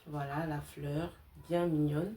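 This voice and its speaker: This young woman's voice is deep, dark and level, and she speaks slowly as she leads a relaxed, chatty crochet tutorial. She describes herself as having a slight accent and is not solely a French speaker. She talks to her audience like a close girlfriend, using colloquial tags and informal phrasing.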